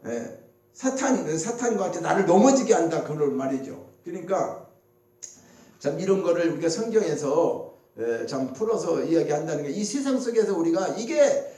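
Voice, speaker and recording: Pastor, man, high and mellow voice, chatty sermon full of rhetorical questions, echoey hall, mic at a distance. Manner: conversational preaching with rhetorical questions. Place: church sanctuary.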